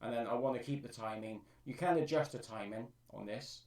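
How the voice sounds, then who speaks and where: A man's voice: mid-range voice, brisk, a little mellow, echoey room, far from the mic. A man on a live stream, thinking aloud as he explains how he edits his own vocal track. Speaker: streamer and amateur music producer. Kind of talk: live-stream tutorial talk.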